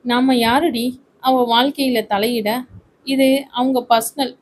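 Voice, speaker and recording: A woman's voice: on the high side, steady tone, slow pace, a little hiss or hum. A woman voicing a firm, blunt young woman who reprimands her friends in a storybook reading. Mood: stern.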